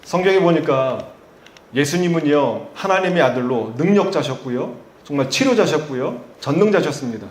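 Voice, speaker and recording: Preaching at a moderate pace in a reverberant space, a Chungcheong-born male pastor uses an expressive, somewhat high voice marked by his Chungcheong Korean accent. Rhetorical questions to the congregation lead into emphatic high points.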